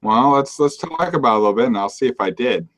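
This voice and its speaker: A man from Maine co-hosting a casual political talk show. He rants in a joking, sarcastic way. His voice sits at an ordinary middle pitch. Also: expressive, quick pace, a bit bright. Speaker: podcast co-host.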